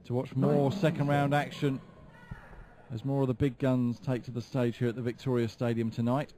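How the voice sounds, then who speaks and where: A man giving live darts commentary in a measured, explanatory way. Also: mid-range voice, little pitch movement, background noise. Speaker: sports commentator.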